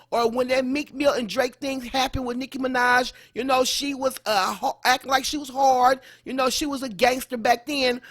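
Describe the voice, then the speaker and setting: American woman, high pitch, gossip reaction host, emphatic, scolding, repetitive phrasing. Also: a bit bright. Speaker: commentary host.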